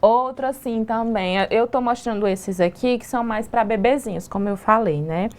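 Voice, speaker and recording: A Brazilian woman speech therapist talks in a television studio, patient and teacherly, often pausing on rhetorical questions. Her voice sits fairly high. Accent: Brazilian Portuguese. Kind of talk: explanatory interview talk.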